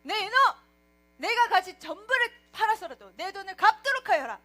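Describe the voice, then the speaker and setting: A stern storybook king booms out his rebuke, as a woman puts him on. The voice sits high and bright, with a lively, rising and falling scolding tone. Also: a little fast, soft background music, exaggerated voice. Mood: thundering rebuke. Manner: booming, scolding. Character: stern angry old-time male king.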